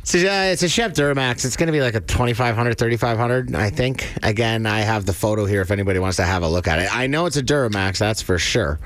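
A man's voice: on the low side, expressive, fast talker, hardly any pauses, a bit bright, dry recording. A Canadian man co-hosting a radio show with blunt, colloquial, opinionated banter. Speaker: radio co-host.

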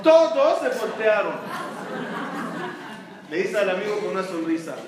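High-voiced rabbi in an echoey room. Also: male voice, big pitch swings, measured pace, a crowd in the background. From Israel. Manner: asks the listeners rhetorical questions, then answers them. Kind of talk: Torah talk to an audience. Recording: echoey room, distant mic, faint noise.

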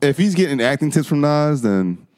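A man co-hosting a podcast in casual chat, emphatic, dropping to low mutters. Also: big pitch swings, normal speed, darkish tone. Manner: emphatic, swooping between low mutters and high quotes. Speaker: podcast co-host.

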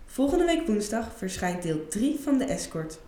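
A woman's voice: mid-range voice, very animated, normal speed, mellow. Young woman reading an intimate story, echoey.

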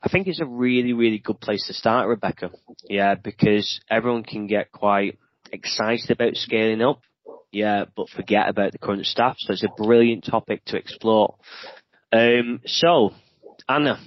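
A man's voice: on the low side, moderate pace, no echo. Male podcast host, chatty and upbeat, dull dry lo-fi recording. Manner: upbeat, chatty, laughs easily. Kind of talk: casual podcast hosting.

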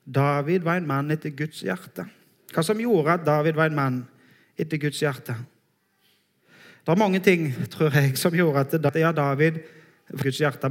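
A male preacher delivers a sermon in a church, his voice sitting fairly high. He talks earnestly and with emphasis, slowing on the phrases he wants to land.

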